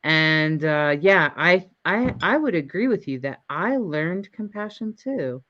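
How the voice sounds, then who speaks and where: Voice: medium pitch, animated, slow, sharp tone. Reflective interview host, dull lo-fi sound. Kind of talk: casual interview conversation.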